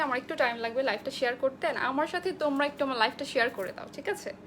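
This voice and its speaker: A woman's voice: high voice, slight background noise. A young woman from Bangladesh, a makeup artist, chatting through a live makeup tutorial, greeting viewers by name and mixing in English phrases.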